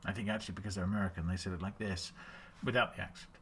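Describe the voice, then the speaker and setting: A man's voice: low-pitched, fairly even intonation, very fast, fairly bright tone, husky. A man hosting a film quote quiz on a live stream, joking and reading quotes aloud with theatrical flair. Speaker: quiz host.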